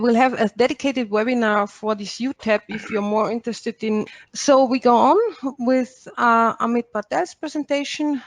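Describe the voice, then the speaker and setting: Higher-voiced woman moderating a webinar. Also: dry recording. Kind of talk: moderating, handing over between speakers.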